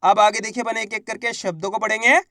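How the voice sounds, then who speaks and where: A man's voice: high-pitched, steady tone, fast, bright, forceful tone, no room sound, studio quality. A man teaching a reading lesson step by step, patiently asking and answering his own questions and drilling each sound.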